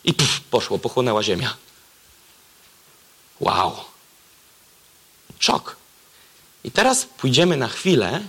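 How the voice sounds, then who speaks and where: A man preaching a sermon, reading scripture aloud and swinging between excited exclamations and hushed, low emphasis. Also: slow pace, long pauses, slightly rough.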